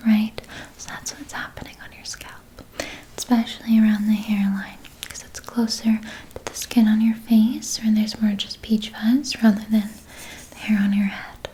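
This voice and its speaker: A woman playing a gentle, caring spa hair therapist in a whispered role-play, speaking in a soft breathy whisper and reassuring her client as she explains. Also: medium pitch, level tone, normal speed, close to an everyday voice. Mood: soothing, reassuring.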